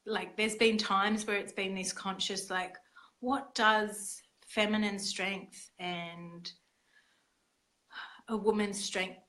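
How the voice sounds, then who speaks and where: A woman's voice: mid-range voice, fairly even intonation, slow, sharp tone, low-quality recording. A woman hosting an online women's circle on a video call, talking casually and hesitantly with many fillers and restarts. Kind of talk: casual online gathering talk.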